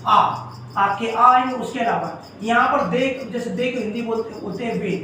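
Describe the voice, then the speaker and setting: A man's voice: very high-pitched, normal speed, bright, forceful tone, slight background noise. A man teaching a grammar lesson in a classroom style, explaining step by step and often checking in with the class. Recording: echoey room, voice from far off.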